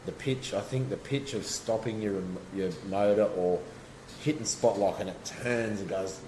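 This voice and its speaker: A man's voice: lowish voice, moderate pace. An Australian man chatting casually and explaining his fishing technique, often restarting his sentences. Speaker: guest angler. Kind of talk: casual chat. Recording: echoey room, faint background noise.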